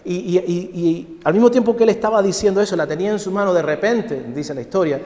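A man's voice: high voice, fast talker. A male pastor, preaching a sermon and telling a story. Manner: storytelling, animated. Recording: echoey hall.

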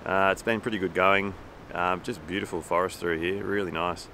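A man's voice: deep voice, level tone, moderate pace, pushed and bright. A man, chatting easily with fillers while walking a windy forest trail, filmed on a camera held at arm's length. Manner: easygoing, meandering, with many fillers. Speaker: hiking vlogger. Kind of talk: casual walking commentary. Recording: background music over outdoor audio. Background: clear music.

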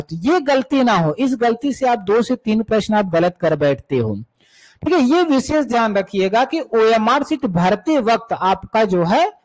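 A man's voice: very high voice, low-quality recording. A man coaching students for music teacher exams, who repeats key terms and speaks to students as "beta" while answering viewer questions.

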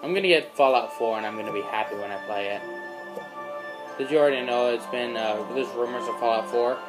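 Filmed by a phone in a dim room facing a screen, a teenage let's play host talks casually through his gameplay. His mid-range voice is fairly quick over music, and he gets excitable, yelping whenever danger hits.

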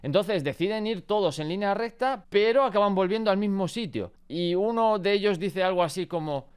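A young man from chatting about video games to his viewers, excitable and given to swearing, indignant rants. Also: high-pitched, moderate pace, clean tone. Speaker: gaming YouTuber. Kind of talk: casual gaming commentary to camera.

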